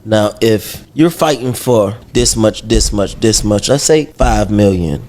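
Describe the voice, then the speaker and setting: A man's voice: on the low side, measured pace, a little mellow, slight background noise. A man in a casual interview, emphatically explaining with rhetorical questions. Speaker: interview guest.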